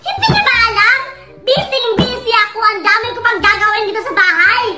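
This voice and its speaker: A performer playing a loud, bossy, busy mother who scolds and shouts in a comedy skit, over music. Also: very high voice, animated, a little fast, roomy sound, full character voice. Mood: scolding.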